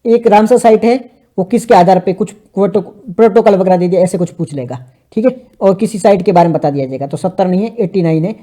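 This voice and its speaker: Mellow-voiced man teaching current affairs. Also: sits high, fast talker. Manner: chatty, asks and answers his own questions; mixes English terms into Hindi. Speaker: exam prep teacher.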